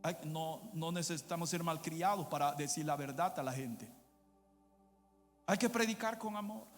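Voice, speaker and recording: A male pastor preaching a sermon, moving from quiet asides to shouted climaxes. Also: fairly high pitch, normal speed. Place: church. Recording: long church reverb with music behind.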